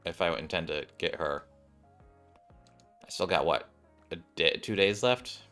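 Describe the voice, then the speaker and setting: Over game music, a man with a deep voice and sharp tone gives unhurried, rambling commentary on his gameplay. He's a streamer, talking casually and half under his breath to himself and his audience.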